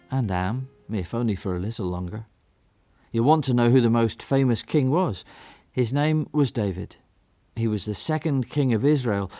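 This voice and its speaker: A man's voice: medium pitch, mellow, no room sound, clean studio sound. A man narrating a radio drama as a character, in a reflective, wry storytelling manner.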